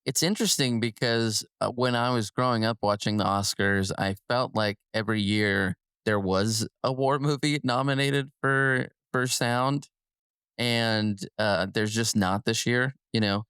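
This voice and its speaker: A man's voice: medium pitch, measured pace, fairly bright tone, clean tone, no room sound, clean studio sound. A man co-hosting a casual film podcast. He chats loosely, laughing often and restarting his sentences. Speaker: podcast co-host.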